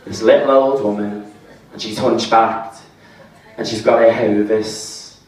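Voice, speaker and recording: A man doing a stand-up set, deadpan at times and rising into exasperated rants. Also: fairly low pitch, a little slow. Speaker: stand-up comedian. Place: comedy pub venue with audience. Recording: echoey room, voice from far off.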